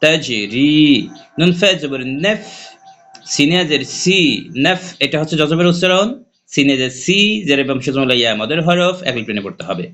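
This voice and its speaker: A man teaching Quran reading, spelling out Arabic letters and vowel marks one by one in a slow, repetitive classroom manner. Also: a little high, animated, fairly bright tone, soft background music. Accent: Bangladeshi Bengali.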